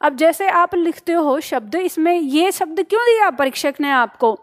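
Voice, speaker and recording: A woman's voice: very high-pitched, lively intonation, normal speed. A woman teaching a spelling lesson to exam students, explaining step by step and often checking that they follow. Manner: asks questions and answers them herself. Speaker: Hindi teacher.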